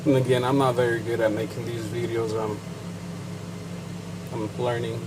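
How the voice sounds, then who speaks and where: This casual how-to demonstration features a certified payment terminal technician with a Chicano Mexican-American accent who is bilingual in English and Spanish, rambling through a technical setup with fillers and asides. His voice is medium in pitch, flat in delivery, and moderately paced over background noise.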